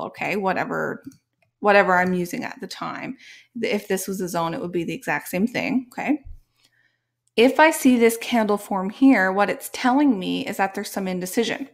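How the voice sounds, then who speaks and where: Woman, sore-throat congested voice, mid pitch, casual tutorial host, frequent okay and all right check-ins. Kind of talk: casual tutorial explanation over live charts.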